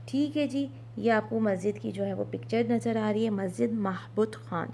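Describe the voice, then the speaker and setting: A woman teaching a school lesson, explaining slowly with many fillers and English words mixed in. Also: medium pitch, creaky, dark tone, a little hiss or hum. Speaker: Urdu tutor. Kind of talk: online class lesson.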